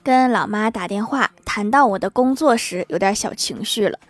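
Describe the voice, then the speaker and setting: A woman's voice: mid-range voice, normal speed, no room sound, soft background music. A woman reading short comic anecdotes aloud as a joke narrator, chuckling at the punchlines. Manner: storytelling delivery that chuckles at the punchlines.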